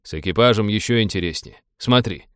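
A man voicing a gruff, blunt male ship pilot who talks in plain slang. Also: fairly low pitch, brisk, fairly bright tone, dry recording, studio quality, close to an everyday voice.

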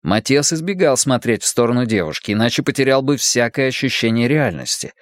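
A man narrating a fiction audiobook with steady, measured storytelling. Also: mid-range voice, no room sound, clean studio sound.

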